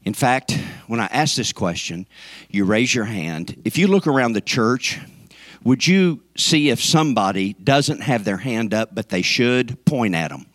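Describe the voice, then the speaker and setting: A man's voice: medium pitch, animated, measured pace, a bit bright, no room sound, clean studio sound. A man preaching a sermon to his congregation, folksy and joking, swinging up into emphatic peaks. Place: church sanctuary.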